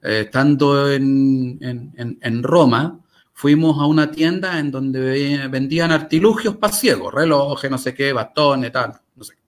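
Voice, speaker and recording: An unhurried, mid-range male voice with a Chilean Spanish accent belongs to an interview guest. He talks conversationally through stories and commentary, articulate and emphatic, leaning on repeated phrases to make his points stick.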